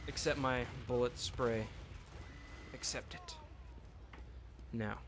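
A man's voice: medium pitch, fairly even intonation, takes it slowly, a bit bright, slight background noise. A man giving casual let's-play commentary, rambling and joking to himself while he plays. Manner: rambling, joking, talks to himself mid-game. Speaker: gameplay commentator.

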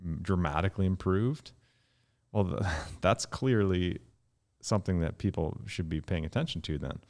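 Deep voiced guy in his 30s explaining science on a podcast, gets animated, studio mic. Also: moderate pace. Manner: explanatory, animated, rising in pitch for emphasis. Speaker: guest scientist. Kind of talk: podcast conversation. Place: dark studio. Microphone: studio mic with headphones.

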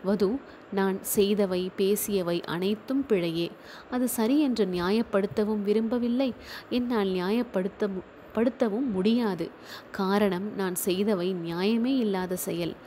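A woman's voice: mid-range voice, a little slow, dark tone, a little hiss or hum, natural voice. Woman narrator playing a young man, remorseful, pleading, pained, storybook drama. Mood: earnest.

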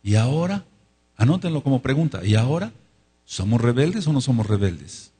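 A man's voice: medium pitch, big pitch swings, moderate pace, dark tone, slightly rough. A man preaching a sermon, drawing out words for emphasis and asking the congregation to repeat after him. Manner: calls for repetition and amens from congregation. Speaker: pastor.

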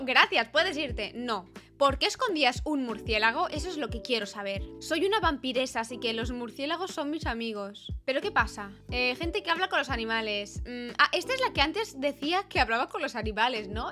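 A woman's voice: high-pitched, sharp tone. A young woman giving playful, chatty commentary while she plays a game, reading on-screen lines aloud as she goes. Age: young adult. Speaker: gaming youtuber. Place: small bedroom with purple light. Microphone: studio mic on arm, close.

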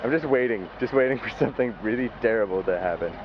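Filming on a handheld camera in a parking lot, a Canadian-accented man chats casually and fast at a medium pitch. As an amateur vlogger behind the camera, he's laid-back and slangy, often ending with "eh." The camcorder mic sounds muffled, and loud vehicle noise fills the background.

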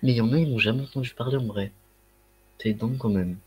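A man's voice: mid-range voice, fast, breathy edge, lo-fi sound. A man with a Ch'ti accent chatting casually on a livestream through a headset mic, rambling with lots of fillers and slang. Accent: Ch'ti (northern French). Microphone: headset microphone.

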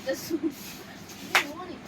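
A woman chatting casually in a home vlog, animated and repeating herself as she coaxes. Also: very high voice, drawn-out words. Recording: very noisy home phone recording.

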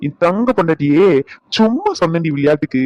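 A man's voice: on the high side, lively intonation, fast talker, darkish tone, no echo, highs cut off, natural voice. A man playing a teasing, coaxing husband. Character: teasing young husband, playful. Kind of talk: comedy skit dialogue.

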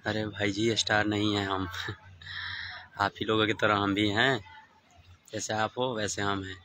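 A man with a Bhojpuri accent, a singer and songwriter hosting a casual live stream. He speaks softly and easily, greeting his viewers by name and chuckling often. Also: lowish voice, measured pace, slight background noise. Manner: soft-spoken, relaxed, chuckles often.

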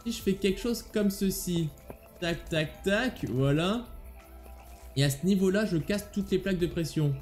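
A man's voice: sits high, a little mellow. A man hosting a gaming video, chatting casually to viewers as he plays and playfully taunting the monsters he fights. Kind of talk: casual gameplay commentary.

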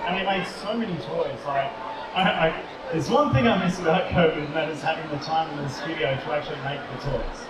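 A man's voice: on the high side, brisk. A man telling stories in a chatty live talk as a toy company co-founder. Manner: chatty, conversational storytelling. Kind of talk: casual live presentation. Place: large indoor shopping mall expo. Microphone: distant mic on a live talk. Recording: echoey mall hall, distant mic, crowd noise.

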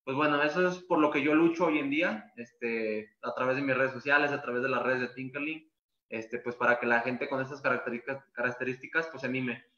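A man's voice: mid-range voice, steady tone, brisk, bright, forceful tone. A man who coaches calisthenics, explaining in a loose, casual way full of "pues" and repeated words. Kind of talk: masterclass explanation. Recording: echoey room, dull lo-fi sound.

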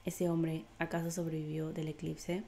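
A woman's voice: deep voice, flat delivery, moderate pace, warm tone. A woman voicing a proud, battle-hungry male warrior who speaks in a dismissive, challenging way. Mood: scornful.

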